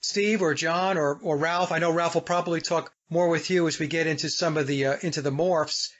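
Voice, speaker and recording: An American man hosting a podcast interview, his voice a touch higher than most men's. He speaks deliberately and leads the conversation, and the audio sounds dull and lo-fi. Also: steady tone. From United States. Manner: deliberate, guiding, addressing listeners directly. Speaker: podcast host.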